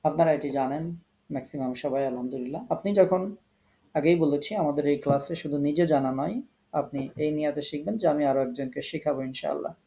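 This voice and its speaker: A man with a Bangladeshi Bengali accent teaching Quran recitation rules in an online lesson, explaining patiently step by step, repeating each rule and slowing down to model the recitation. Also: on the high side, creaky, dark tone.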